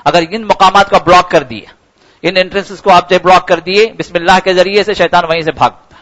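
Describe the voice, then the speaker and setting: A man's voice: high-pitched, steady tone, a bit bright, low-quality recording. A man giving a Ramadan sermon, earnest and repetitive, his voice rising sharply for emphasis. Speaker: preacher.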